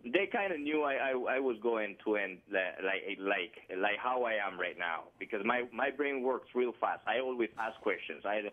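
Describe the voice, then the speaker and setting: Calling in on a tinny phone line, a man with a Colombian Spanish accent from Colombia talks at a moderate pace with hardly any pauses. His voice sits on the low side and is animated, yet his speech is hesitant, packed with fillers and restarts.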